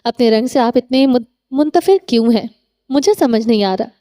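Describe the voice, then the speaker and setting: A woman's voice: on the high side, warm tone, natural voice. A woman reading the lines of a proud, stubborn young woman in a romance audiobook, defiant and earnest.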